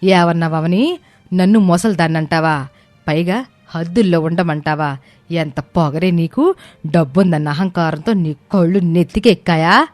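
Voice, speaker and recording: A woman's voice: lowish voice, moderate pace, darkish tone, dry recording, natural voice. A woman voicing a blunt, indignant old village mother-in-law in a storybook. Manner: blunt, rebuking. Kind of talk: storybook character voice.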